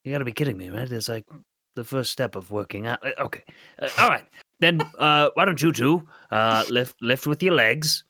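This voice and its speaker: A man's voice: medium pitch, lively intonation, normal speed, bright, forceful tone, no echo. A man playing a tabletop role-playing game, talking in a hesitant way with many fillers. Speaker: player. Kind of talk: tabletop role-play chat.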